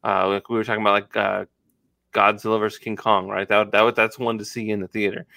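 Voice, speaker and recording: A man's voice: lowish voice, little pitch movement, a little fast, gravelly, pushed and bright, dry recording. A man co-hosting a podcast in casual chat, blunt and swearing freely. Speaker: podcast co-host.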